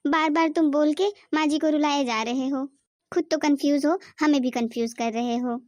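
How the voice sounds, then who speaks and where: A scheming young daughter-in-law, voiced by a woman, with a very high, piping voice. She is bossy and sharp-tongued in this cartoon. The recording is close and dry. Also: fairly even intonation, normal speed, no echo, natural voice. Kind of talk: cartoon voice acting.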